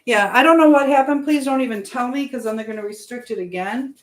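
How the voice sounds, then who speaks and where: A woman with a slightly high voice talks fast as she hosts a casual livestream from home, rambling while she reads viewer comments aloud and responds. The indoor room she's in is echoey.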